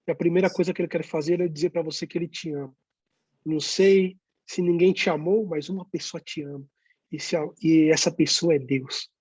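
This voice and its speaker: A man's voice: on the high side, a little mellow, breathy edge, dry recording, dull audio. A man, a pastor, telling stories of sharing his faith and acting out the conversations. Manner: storytelling, acts out dialogue, pauses with "né?". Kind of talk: testimony in a youth talk.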